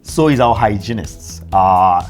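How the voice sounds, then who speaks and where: A man from Tanzania, an oral surgeon, talking casually in an interview at his dental office with a lapel mic, pausing and slowing on words. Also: lowish voice, expressive, faint music behind. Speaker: guest dentist, oral surgeon.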